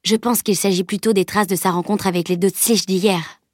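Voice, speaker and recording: A woman voicing a huge, good-humoured male knight in an audiobook, speaking in a booming, teasing way. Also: fairly even intonation, moderate pace, no room sound, clean studio sound, close to an everyday voice. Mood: earnest telling.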